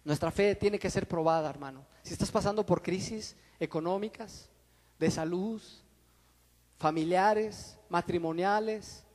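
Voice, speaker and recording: A middle-aged man preaching a sermon, swinging between loud and soft and calling his listeners brother. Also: high voice, unhurried, big-room sound. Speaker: pastor. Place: church.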